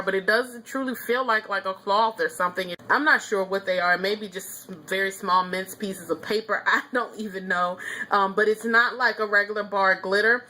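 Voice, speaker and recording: A woman's voice: fairly high pitch, sharp tone. A woman vlogger giving a casual, chatty nail polish review, opinionated, with frequent ums and small laughs.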